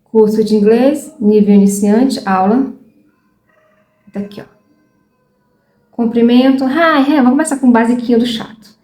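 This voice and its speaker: Brazilian woman, 30s, casual vlogger, a bit high-pitched, frank and scattered, roomy echo. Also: normal speed, long pauses, warm tone. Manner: chatty, frank, loses her train of thought. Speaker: vlogger learning English. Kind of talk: casual chat to viewers.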